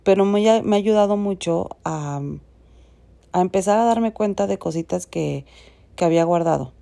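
A woman's voice: medium pitch, moderate pace, creaky, dark tone. A Mexican woman in her thirties telling a personal story on her podcast, frank and chatty with casual swearing. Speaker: podcast host.

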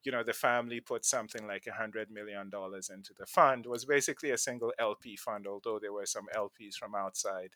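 A man from Ghana, middle-aged, shares his story as an interview guest. His voice is bright and forceful, recorded close and dry. He often restarts a sentence by repeating its first word. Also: lowish voice, steady tone, a little fast, few pauses, no room sound. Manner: thoughtful, repeats words when starting sentences. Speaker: podcast guest, venture investor.

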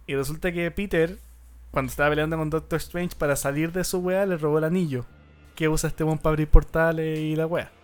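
Young man, Chilean accent, podcast host, casual chat, slangy movie retelling, slightly higher voice, faint music behind. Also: a little fast, clear, resonant tone. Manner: animated retelling with acted-out quotes and slang.

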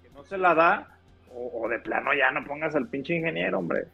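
A man's voice: a little high, animated, moderate pace, creaky. A man, co-hosting a casual sports chat with blunt, salty remarks. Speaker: podcast co-host. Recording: slightly dull sound, faint music behind.

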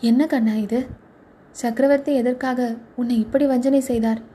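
A woman reading the part of a lively, curious young wife in a storybook, in a coaxing, questioning manner. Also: on the high side, normal speed, slightly rough.

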